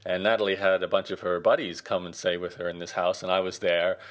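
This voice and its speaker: A man hosting a podcast interview, talking in a relaxed, conversational way with some fillers. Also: sits low, fast. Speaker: podcast host.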